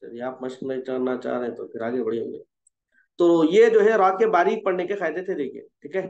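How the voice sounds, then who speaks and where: A man's voice: fairly high pitch, a little fast, darkish tone, reverberant, lo-fi sound. A man teaching a Quran recitation class. He poses questions to the class, answers them himself and repeats the key points. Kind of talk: classroom lesson.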